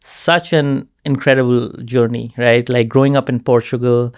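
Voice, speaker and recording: A male podcast host with a smooth, resonant voice, recorded dry and close. He introduces his guest enthusiastically and repeats his phrasing as he builds up to his question. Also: mid-range voice, flat delivery, moderate pace, no echo. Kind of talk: interview introduction.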